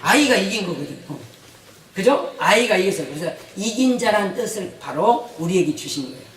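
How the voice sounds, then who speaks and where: Pastor guy preaching, high lively voice, echoey far-off church mic. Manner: animated, acting out stories, asking the congregation questions. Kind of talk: sermon. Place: church sanctuary.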